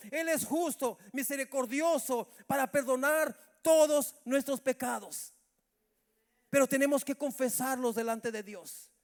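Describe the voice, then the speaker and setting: A middle-aged pastor preaches in a very high voice. He calls out to the brothers as he goes. His words ring through a church hall with a long echo. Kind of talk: sermon at a Bible study.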